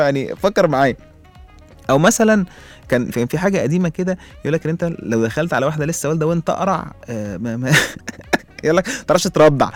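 Egyptian male host, very fast comic monologue, chuckles and rhetorical questions. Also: a little high. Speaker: radio show host.

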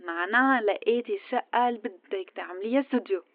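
Over a tinny phone filter, a caring young Levantine friend in a radio play. She speaks quickly and rather high. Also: no room sound. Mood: affectionate. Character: caring, affectionate young woman, a loyal friend. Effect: telephone filter. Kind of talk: radio drama acting. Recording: thin phone-line sound.

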